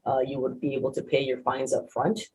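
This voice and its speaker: A man in his thirties, a native Spanish speaker, talks about his path into prosecution in an earnest, conversational manner. His voice is husky and he keeps his intonation fairly flat. He often restarts his sentences as he goes. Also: mid-range voice, fairly quick, rough recording. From grew up in Mexico. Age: 30s. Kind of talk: panel talk, personal story.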